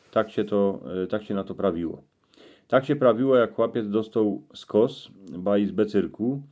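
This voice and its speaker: Low, mellow man with Cieszyn Silesian accent. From Cieszyn Silesia, Poland. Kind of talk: storytelling monologue in regional dialect.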